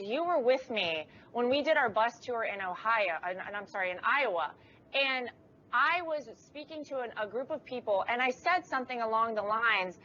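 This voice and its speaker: A woman hosting a political talk show, talking in a lively, teasing way. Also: fairly high pitch. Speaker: host. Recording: dull lo-fi stream audio with faint noise.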